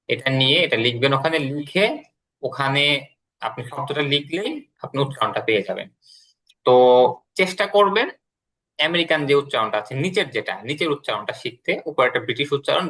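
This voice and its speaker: A man's voice: medium pitch, lively intonation, fairly quick, long pauses, bright, forceful tone, slightly rough. A man teaching English vocabulary and pronunciation in an online class, explaining step by step and repeating his pointing phrases.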